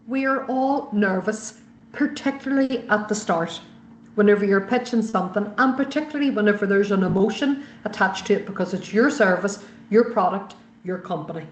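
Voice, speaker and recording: A woman's voice: mid-range voice, normal speed, a little hiss or hum. A woman giving explanatory coaching as a trainer, reassuring and emphatic, repeating her key phrases. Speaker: sales pitch trainer. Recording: roomy, echoey sound.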